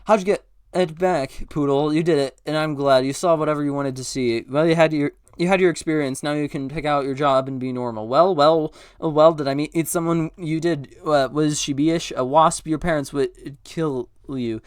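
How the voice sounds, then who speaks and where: A man's voice: on the high side, steady tone, normal speed, clean tone, dry recording, studio quality. A man reading a film script aloud at speed, tripping over words and correcting himself. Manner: stumbling, self-correcting, breathless. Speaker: script reader. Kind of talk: rapid comedic script read-through.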